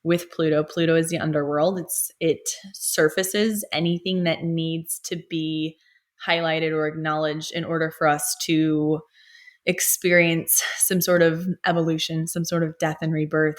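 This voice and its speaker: Young woman, low pitch, spiritual monologue, soft and meandering, lots of fillers. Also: level tone, unhurried. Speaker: astrologer and healer.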